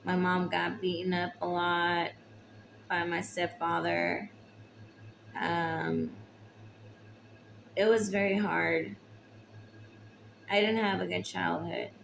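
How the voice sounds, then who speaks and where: Young woman vlogger, tearful confessional, lowish gravelly voice, faint background noise. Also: flat delivery, rough recording. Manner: slow, halting, emotional, with long pauses. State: tearful, recently crying. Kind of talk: personal confessional talk to camera.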